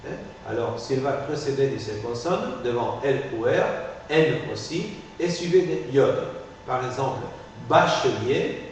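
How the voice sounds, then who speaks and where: A male phonetics teacher explains step by step, pausing often to ask "ok?". He sounds far from the mic, with a long, ringing room echo. A faint hiss sits under the voice. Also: mid-range voice, animated, darkish tone. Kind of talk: classroom lecture. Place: classroom.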